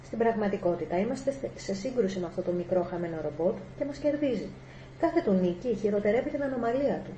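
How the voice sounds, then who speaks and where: A resolute scientist who presses her demands firmly and will not back down, as a woman reads her lines in a mellow, low-key voice. The sound carries an echoey room with faint ambience behind it. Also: lively intonation, a little hiss or hum, lightly acted. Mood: insistent. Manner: firm, insistent. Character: stern determined woman robot psychologist.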